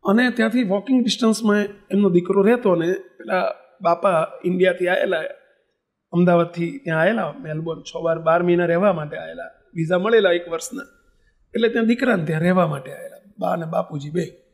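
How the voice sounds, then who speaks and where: A man delivering a sermon as a spiritual leader, earnest and emphatic as he tells a story. His speaking voice sits high for a man. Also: fairly quick, gravelly. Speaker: spiritual leader giving a discourse.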